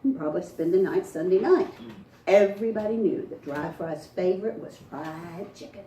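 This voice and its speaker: At a front porch event, a woman storyteller performs a folktale for a live audience in a folksy, dramatic style. Her voice is lowish, dark and animated at normal speed. The echoey, distant recording has cut-off highs, slight background noise, and faint ambience.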